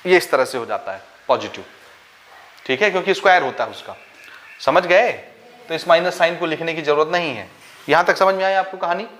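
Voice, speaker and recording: A man's voice: fairly high pitch, animated, brisk, a bit bright. A male maths teacher with a Chhattisgarh Hindi accent, explaining each step and asking the class questions that he then answers himself. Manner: mixes English maths terms into Hindi. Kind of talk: board-style maths lesson.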